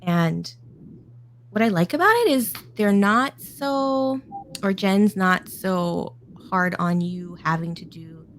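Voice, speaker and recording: A woman's voice: lowish voice, slow. Chatty lady talking workouts, laughs a lot, faint noise behind. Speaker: guest mom. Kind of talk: casual chat.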